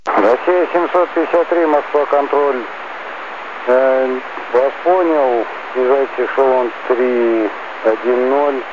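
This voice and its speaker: A man's voice: medium pitch, fairly even intonation, slow pace. A man working as an air traffic controller, giving formal procedural instructions over the radio. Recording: tinny narrow radio channel with static.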